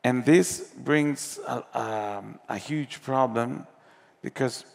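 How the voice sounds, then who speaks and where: A man's voice: medium pitch, gravelly. Hesitant male panelist in an echoing hall. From El Salvador. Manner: halting, many restarts and fillers. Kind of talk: panel discussion answer. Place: large conference hall. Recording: long reverb of a conference hall.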